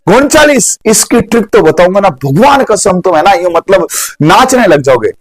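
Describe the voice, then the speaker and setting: Male teacher, high voice, dry close sound, animated and jokey, runs a live online exam-prep class with memory tricks. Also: moderate pace, dry recording, low-quality recording. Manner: animated, jokey, chats with viewers' comments.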